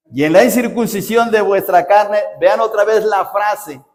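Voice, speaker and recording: High-voiced Mexican pastor preaching in a hall. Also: male voice, darkish tone. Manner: preaching with emphatic rhetorical questions. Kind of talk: sermon. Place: church. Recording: reverberant church hall.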